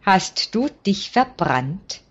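A woman's voice: mid-range voice, big pitch swings, very slow, highs cut off, exaggerated voice. A woman voicing a stern but caring male country doctor who speaks bluntly and earnestly in a read-aloud story. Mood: concerned.

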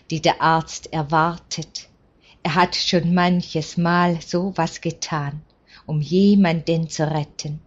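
Slow, calm woman telling a story. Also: sits low. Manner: calm and measured. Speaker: story reader. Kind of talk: read-aloud storytelling. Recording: dull lo-fi recording.

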